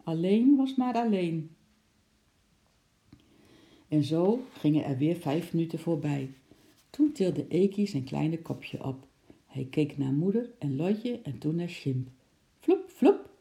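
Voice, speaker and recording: A woman narrating a children's story in a gentle, expressive way. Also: deep voice, unhurried, vocal fry.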